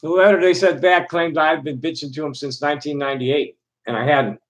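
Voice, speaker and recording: Middle-aged Chicago man, live-stream host, rambling and halting delivery. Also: fairly high pitch, steady tone, low-quality recording. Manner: halting, many restarts and fillers. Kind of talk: rambling casual monologue to chat.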